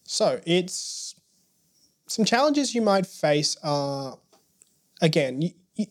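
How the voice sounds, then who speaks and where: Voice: medium pitch, sing-song, slow pace. A young adult early childhood educator, a guest on a casual podcast, talking hesitantly with many restarts and wry jokes.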